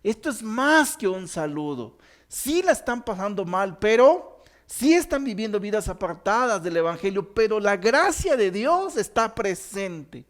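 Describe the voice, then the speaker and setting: A man leads a Bible study in an earnest teaching voice. His voice sits high for a man, and he slows down to lean on the words that matter. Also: very animated.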